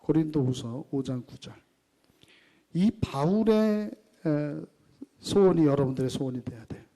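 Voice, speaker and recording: A middle-aged man preaches to his congregation in a dark, mellow voice that sits a little high. He keeps asking them questions and calls them into reading along. His lines swing between lifted, louder exclamations and hushed low asides. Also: a little slow. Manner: lively, shifting between raised and low quiet phrases. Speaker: pastor. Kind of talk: sermon.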